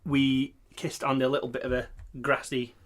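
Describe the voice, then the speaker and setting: English guy, relaxed, lots of uhs, telling a story on a podcast. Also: medium pitch, normal speed. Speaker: podcast co-host. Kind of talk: casual chat.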